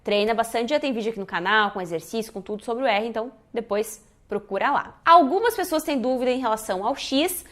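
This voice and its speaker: A woman's voice: on the high side, fairly quick, few pauses. A woman, teaching a casual pronunciation lesson and modeling sounds as she goes. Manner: lively, demonstrates sounds, says "né?" often. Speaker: Spanish teacher.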